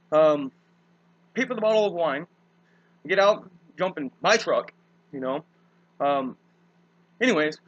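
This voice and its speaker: Rambling, bright-voiced young man. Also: high voice, dull audio. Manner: rambling with many fillers and "you know", swears freely. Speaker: vlogger telling his side of a dispute. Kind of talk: casual rambling monologue.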